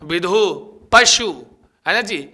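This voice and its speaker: A man's voice: high-pitched, expressive, very slow, pushed and bright. A middle-aged male teacher, coaxing students through chanted Sanskrit word forms in an exam coaching lesson. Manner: drills aloud, coaxing call-and-response, chanting word forms.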